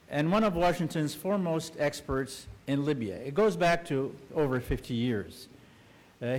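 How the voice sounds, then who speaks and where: A man moderating a conference panel, talking informally with many fillers as he introduces speakers. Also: fairly high pitch. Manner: informal, with frequent fillers, directing people around. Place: conference hall.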